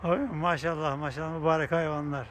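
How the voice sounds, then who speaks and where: A man's voice: on the high side, fairly even intonation, brisk, fairly bright tone, a little hiss or hum. A man outdoors filming a casual vlog, coaxing animals to come closer and chatting to his viewers with affection. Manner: coaxing and affectionate, laughs often. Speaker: vlogger. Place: outdoors by grazing bison, near a bike path.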